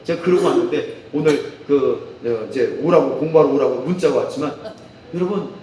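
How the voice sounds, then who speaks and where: A man's voice: a little high, fairly quick, dark tone, a little hiss or hum. A man pastor preaching a sermon in a church, emphatic and repeating his key phrases. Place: church sanctuary. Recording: very echoey hall, mic far off.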